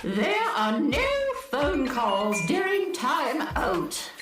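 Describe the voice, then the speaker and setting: A woman's voice: high-pitched, very animated, drawn-out words, over loud music, exaggerated voice. A woman playing a stern, pompous alien governess in a children's radio comedy, imperious and haughty as an unbending jailer. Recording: heavily echoing voice.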